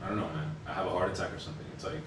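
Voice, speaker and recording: Man, very deep voice, podcast co-host, laid-back, casual swearing, roomy echo, distant mic. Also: steady tone, racing, background noise. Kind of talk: casual chat.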